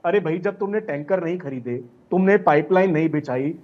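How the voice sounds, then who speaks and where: A man's voice: fairly high pitch, a little fast, highs cut off, crowd noise. A man speaking as a party spokesperson in a heated panel debate, insistent and accusatory, piling up rhetorical questions and repeated lists.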